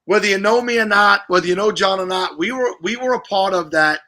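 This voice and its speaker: A middle-aged man talks loosely and at length as a livestream host, wandering through his points with jokey asides. His voice sits a little high and comes across bright and forceful. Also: fairly quick. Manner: chatty, rambling, jokey. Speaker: podcast host. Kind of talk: casual livestream chat.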